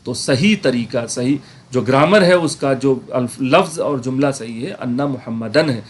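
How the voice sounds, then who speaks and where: A man teaching a Quran grammar class, explaining patiently, checking in with his students and slowly repeating words to show how they are said. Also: medium pitch, husky. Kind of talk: online class lecture.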